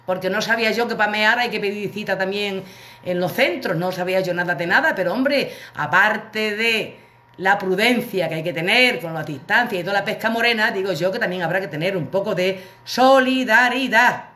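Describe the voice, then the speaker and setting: Bright-voiced woman telling a story. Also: medium pitch, normal speed. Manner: chatty, colloquial, comic anecdote with acted quotes. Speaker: livestream host. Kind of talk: casual storytelling to viewers. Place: her living room.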